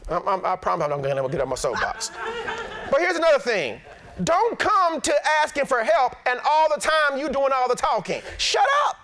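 A middle-aged pastor preaching a sermon in an animated, blunt, plain-spoken way. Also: male voice, extremely high pitch, brisk, some chatter behind.

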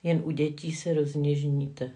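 A woman's voice: sits low, level tone, mellow, recorded from a distance. An older woman chatting casually on a live stream while doing her makeup, rambling and self-mocking as she answers the chat. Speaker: vlogger reading live chat. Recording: echoey room, voice a bit off-mic.

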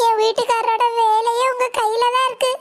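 A woman voicing a shrill young daughter-in-law. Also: level tone, brisk, slight background noise. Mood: pleading. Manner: pleading, then pointed and mocking.

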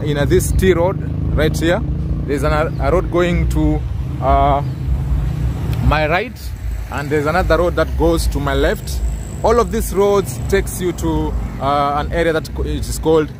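A man in his thirties with a Kenyan accent, narrating a walking tour in a halting way with many fillers and restarts. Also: a little high. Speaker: vlogger. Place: outdoors on a residential street. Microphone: handheld phone camera. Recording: outdoor street noise. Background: street noise and passing cars.

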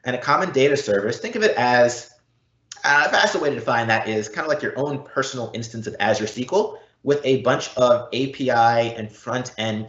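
During a live online event from an indoor room, a male presenter gives technical explanations and takes audience questions. His mid-range voice is a bit bright, and the call audio sounds dull and roomy.

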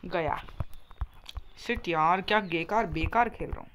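A young man commentating a video game for his channel, talking very softly and breaking into excited yelps and frustrated groans as he plays. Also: sits high, a little slow, slight background noise. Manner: speaking very softly on purpose. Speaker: gaming YouTuber.

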